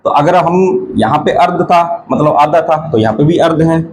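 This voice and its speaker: A male teacher gives an exam-prep grammar lesson, asking questions and answering them himself while repeating key terms slowly. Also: on the high side, slight background noise, rough recording.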